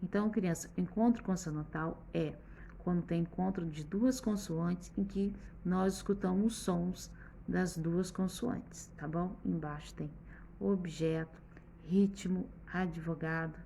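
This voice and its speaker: A woman teacher giving a patient, step-by-step lesson for children, often pausing to check that they follow along. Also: lowish voice, steady tone, creaky, warm tone, slight background noise. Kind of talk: remote schoolbook lesson for children.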